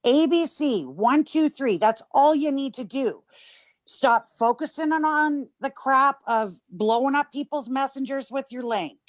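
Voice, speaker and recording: A woman's voice: high voice, animated, a little slow, no room sound. A woman giving an emphatic, gushing testimonial on a video call, at times choked up. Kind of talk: emotional testimonial.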